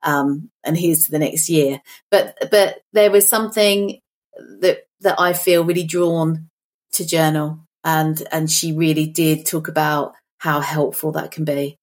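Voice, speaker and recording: Woman, middle aged, thinks out loud on a podcast, kinda low voice. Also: steady tone, measured pace. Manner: reflective, storytelling, thinks aloud. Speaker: podcast co-host. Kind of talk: casual chat.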